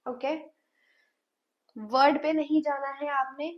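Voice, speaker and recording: A woman's voice: high-pitched, fairly even intonation, slow. A woman teaching an English grammar lesson, asking her class questions and repeating sounds patiently. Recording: dull lo-fi sound.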